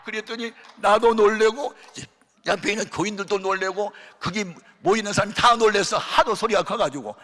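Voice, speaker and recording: A man preaching as a pastor, telling a testimony sermon with dramatic storytelling, acting out voices and shouting at the peaks. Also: sits high. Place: church hall of a prayer retreat. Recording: reverberant large hall.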